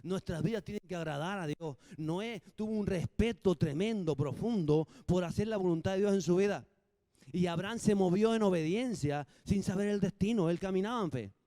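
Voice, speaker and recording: Guy preaching, kinda high but mellow voice, jokey and animated, dry close sound. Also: normal speed, no echo. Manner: animated preaching with humor and acted-out dialogue. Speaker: pastor. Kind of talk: sermon.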